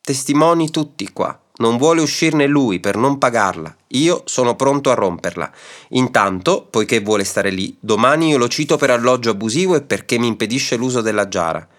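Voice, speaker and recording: A man voicing an irascible, hot-tempered rich landowner in a story reading, indignant and loud. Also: medium pitch, animated, moderate pace, close to an everyday voice. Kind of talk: audiobook reading of a classic story.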